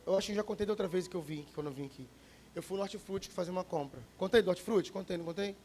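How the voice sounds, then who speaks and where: A man's voice: high voice, rapid-fire, darkish tone, slight background noise. A male pastor giving a conversational sermon, telling stories and joking with the congregation.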